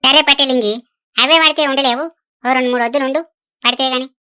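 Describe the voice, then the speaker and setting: A woman's voice: sits high, steady tone, fast, background noise, close to an everyday voice. A woman voicing an old village woman on a pension who gossips and chatters. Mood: chatty. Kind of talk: cartoon voice acting.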